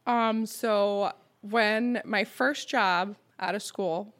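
Speaking extremely slowly in a steady, fairly bright mid-range voice, this restaurant co-owner from Montreal, Quebec, is a guest on a podcast having a casual conversation. She's in her thirties, a native French speaker with a French Canadian accent, and she talks a lot, leaning heavily on "like" and "you know."

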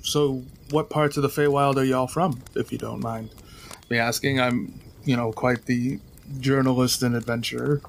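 A man playing a polite, earnest wandering journalist adventurer in a tabletop game, speaking in measured, formal, hesitant phrases. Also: medium pitch, steady tone, gravelly, slight background noise, lightly acted, rough recording. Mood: courteous, calm. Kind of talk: tabletop role-play in character.

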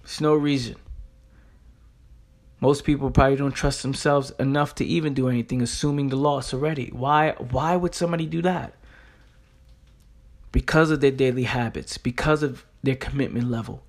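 At normal speed and in a steady, medium-pitched voice, a young man gives an informal motivational talk. His style is blunt and streetwise, emphatic throughout, with rhetorical questions and casual swearing mixed in.

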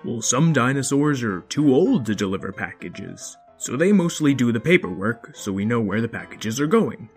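A man voicing a gruff but kindly, hardworking dinosaur father in a children's story, speaking in a folksy, firm and encouraging way. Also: medium pitch, very animated, moderate pace, few pauses, soft background music. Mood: explaining.

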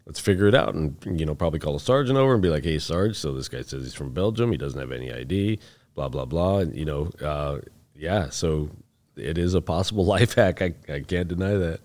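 A chief deputy sheriff talking in a casual podcast interview, plainspoken and laid-back, calling the host bro. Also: male voice, rumbling low, animated, brisk, darkish tone. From United States.

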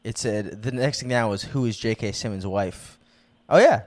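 A man's voice: on the low side, normal speed. A young man co-hosting a casual podcast, joking around and laughing often. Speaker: podcast co-host. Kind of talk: casual chat.

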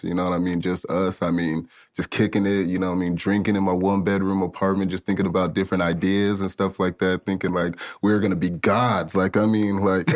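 Speaking in a voice that sits low, this late-20s African man, a studio owner, guests on a podcast and recounts his story loosely, with lots of slang and filler words.

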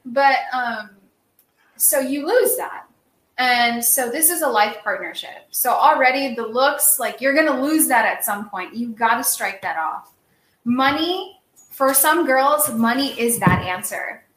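A young woman with a bright, somewhat high voice, chatting loosely and talking things through with plenty of "like" and "um". The room adds a noticeable echo. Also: animated, unhurried. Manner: chatty, explains at length with hedging fillers. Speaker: guest. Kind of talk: casual chat. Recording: echoey room.

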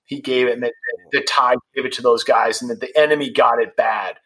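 A man in his fifties, founder of a supplement brand, talks as a podcast guest in casual conversation, candid and blunt and swearing freely. His mid-range voice is fairly even in intonation, brisk and fairly bright, captured on a low-quality recording.

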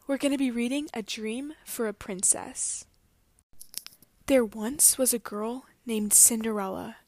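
Slow, expressive woman reading a storybook. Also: on the high side, no echo. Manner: expressive, slow and deliberate, acts out characters' lines. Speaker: host reading a children's book aloud. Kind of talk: storybook read-aloud.

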